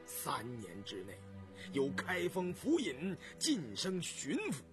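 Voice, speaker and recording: A man voicing a tired, ailing middle-aged male official who speaks low and self-mockingly, for an audiobook. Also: wildly swooping pitch, slow, over music, full character voice. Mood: weary. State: exhausted.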